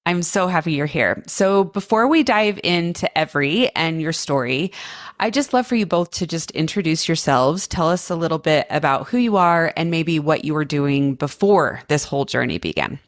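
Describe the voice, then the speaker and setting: A woman hosts a podcast interview, drawing her guests out with friendly questions. Her voice sits low for a woman. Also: lively intonation, moderate pace. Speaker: podcast host. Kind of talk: casual interview.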